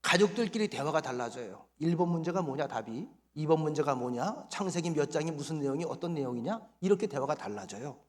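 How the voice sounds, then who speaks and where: A man's voice: on the high side, lively intonation, a little fast, hardly any pauses. A man preaching a Sunday sermon as pastor, quizzing the congregation and having them repeat phrases.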